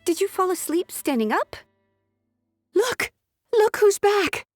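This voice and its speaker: A young female clerk in a game, very high and girlish in pitch. She is flustered and apologetic, exclaiming at a slow pace, with faint music behind her. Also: very animated, no echo, exaggerated voice. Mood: startled. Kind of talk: video game character acting.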